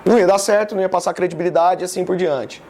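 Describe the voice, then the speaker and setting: A man with a Goiás accent talks loosely and directly to his live audience, his voice sitting fairly high for a man. He sounds like an easygoing business speaker in his thirties, chatting more than lecturing. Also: racing, a little mellow. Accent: Goiás Brazilian Portuguese. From Goiás, Brazil. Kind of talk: informal live talk to an audience.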